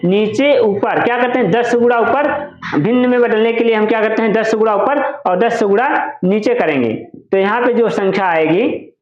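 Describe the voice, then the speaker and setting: A man teaching a math lesson at a board, asking questions and then answering them himself. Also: very high-pitched. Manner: counts slowly while pointing at parts. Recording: echoey room, dull lo-fi sound.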